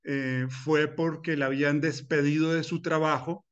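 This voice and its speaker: This time his fairly high voice is smooth, a little slow, and fairly even in intonation. The middle-aged Colombian man teaches personal finance earnestly and personally in a recorded masterclass, filling pauses with "eh" and restarting, and the audio is dull.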